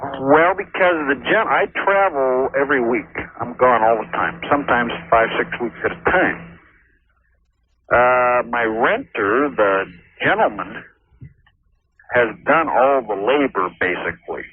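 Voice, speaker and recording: A man's voice: mid-range voice, measured pace, husky, no room sound. A man calling in to a radio show, his voice sounding hollow as if from inside a barrel. He talks easily and lists details plainly. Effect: hollow phone line, as if talking from inside a barrel. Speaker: caller. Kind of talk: casual call-in chat. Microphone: telephone. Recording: tinny long-distance phone line.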